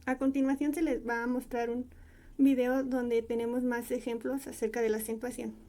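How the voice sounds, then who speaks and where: A woman's voice: on the high side, level tone, moderate pace, very noisy. A young woman student reading her team's class presentation aloud from a prepared script. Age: young adult.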